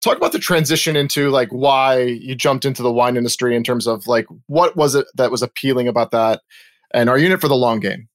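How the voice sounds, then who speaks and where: A man's voice: mid-range voice, brisk, dry recording, studio quality. A man hosting a podcast interview, asking his guest friendly, open questions. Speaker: podcast host.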